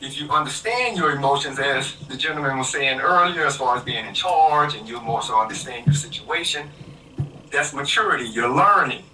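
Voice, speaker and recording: A man's voice: medium pitch, expressive, normal speed, bright, forceful tone. A man firmly making his case in a podcast debate, emphatic and lecturing, heard over a remote call. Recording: echoey, distant call with faint noise.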